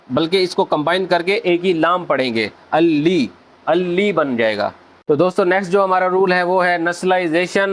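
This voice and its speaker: A man hosts a casual video lesson on Korean pronunciation, addressing viewers as friends and slowly spelling out sounds. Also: fairly high pitch. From Pakistan. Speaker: Korean language teacher, channel host.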